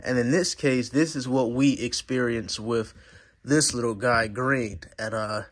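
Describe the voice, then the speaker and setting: A man's voice: mid-range voice, steady tone, a little slow. Stuffy-voiced man rambling about puppies. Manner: rambling, lots of fillers and restarts. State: a little stuffy from a cold. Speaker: dog vlogger. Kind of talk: casual vlog talk to camera. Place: at home indoors with a puppy.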